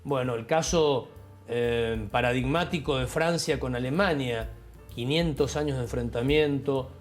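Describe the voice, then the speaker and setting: A man hosting an interview, speaking deliberately as he searches for his words. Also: mid-range voice, faint music behind. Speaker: journalist and interview host. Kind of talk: interview on a talk show.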